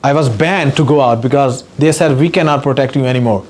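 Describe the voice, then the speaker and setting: A man's voice: mid-range voice, fairly quick, a little mellow, slight background noise. A man from Pakistan with a Pakistani accent, giving an earnest, emotional personal testimony as an activist guest speaker. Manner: earnest, impassioned, repetitive emphasis.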